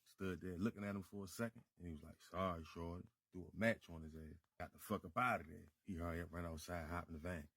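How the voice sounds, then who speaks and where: A man narrating a crime story in casual, slangy street talk, swinging from murmurs to loud bursts. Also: deep voice, fast, hardly any pauses, no room sound.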